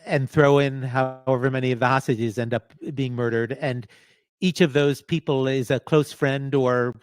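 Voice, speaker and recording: A middle-aged man being interviewed as a professor, speaking gravely in halting bursts, restarting phrases as he searches for words. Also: mid-range voice, no room sound. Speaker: guest, professor. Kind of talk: remote interview conversation.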